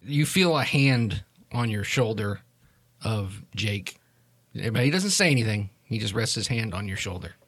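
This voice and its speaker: A man's voice: fairly low pitch, animated, unhurried, a bit bright, husky, no echo. A man running a tabletop role-playing game as game master, narrating scenes in a casual way.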